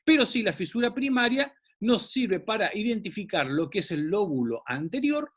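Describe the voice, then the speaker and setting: A man's voice: high-pitched, big pitch swings, normal speed, a bit bright, slightly rough. A man teaching a classroom anatomy lecture, explaining step by step and often checking in with the class.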